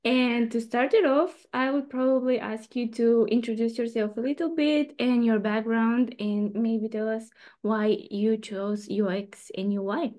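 A woman's voice: fairly high pitch, steady tone, a little slow, dark tone. A young woman hosting a casual interview podcast over a video call, friendly and chatty, with some fillers. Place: room at home with plants and shelves, indoors. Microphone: webcam on a video call.

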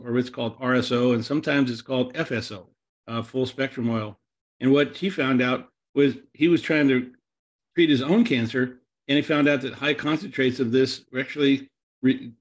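A man's voice: medium pitch, a little mellow. A man hosting a webinar, presenting slides in a loose, rambling way with repeated words and restarts. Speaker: webinar host.

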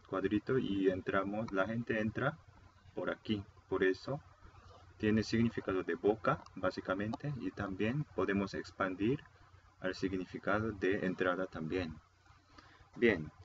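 Guy teaching a casual online lesson in spanish, super slow, repeats stuff, lo-fi sound with faint hiss. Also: fairly low pitch. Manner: unhurried, explains step by step, repeats words, frequent "eh". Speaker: Korean language teacher. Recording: dull lo-fi sound, faint noise.

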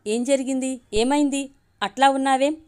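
A woman voicing a gentle comforting young woman. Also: a little high, a little fast, natural voice. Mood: anxious. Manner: gentle, soothing questions.

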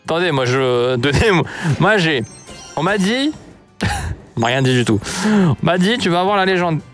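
Animated French gamer man, mock outrage. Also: fairly high pitch, moderate pace, soft background music. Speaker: gaming YouTuber. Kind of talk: pack opening commentary.

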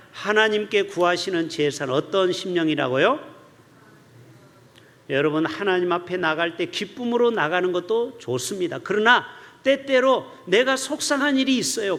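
A man preaching in a church, his voice high for a man and full of rising and falling melody. He jumps from loud, urgent bursts to soft, low asides as he speaks to the congregation. A long hall reverb trails after his words. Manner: animated preaching, swings between loud outbursts and hushed low asides. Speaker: pastor. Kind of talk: sermon. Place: church sanctuary.

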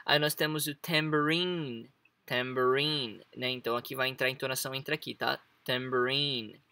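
Bright-voiced Brazilian teacher, chatty. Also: male voice, mid-range voice, steady tone, gravelly, no room sound. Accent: Brazilian Portuguese. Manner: chatty, lots of fillers, repeats words slowly for pronunciation. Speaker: English teacher. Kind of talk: casual vocabulary lesson.

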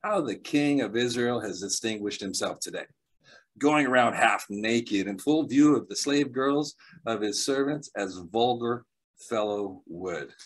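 A man preaching a sermon, telling stories with bursts of excitement, laughter and quieter asides. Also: mid-range voice, unhurried, breathy edge, low-quality recording. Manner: animated storyteller, laughs often, jumps between loud excitement and quiet asides.

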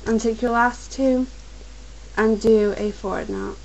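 Her voice a little high, steady and slightly mellow, a young crafts tutorial maker with an oncoming cold gives step-by-step instructions at her home desk. She is patient and repetitive, slow and careful at moments, and the poor audio has slight background noise.

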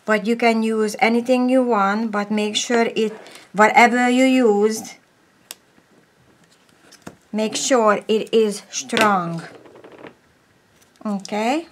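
A woman hosting a papercraft tutorial explains her craft slowly and step by step at an indoor craft table filmed from overhead, sometimes dropping to a whisper while she works. Her voice is on the high side, with fairly even intonation, and the tone is casual. There's a little hiss or hum in the recording.

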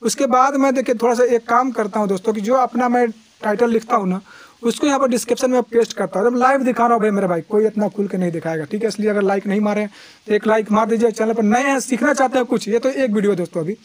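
Fast-talking high-voiced man teaching. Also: dry recording. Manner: chatty, repeats fillers, frequent restarts. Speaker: YouTube tutorial host. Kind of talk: casual screen-recorded tutorial. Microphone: lapel mic.

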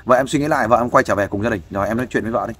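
A man's voice: medium pitch, very fast, fairly bright tone, a little hiss or hum. A man giving fatherly, persuasive advice in a casual interview, often asking for agreement. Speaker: volunteer counselor interviewing a guest.

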